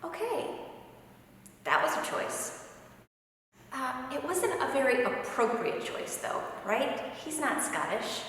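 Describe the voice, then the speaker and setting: Brisk woman giving audition notes. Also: high voice, very animated, fairly bright tone, slight background noise. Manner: brisk, interrupting, gives notes. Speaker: audition director. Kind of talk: instructional talk. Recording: echoey hall from far off.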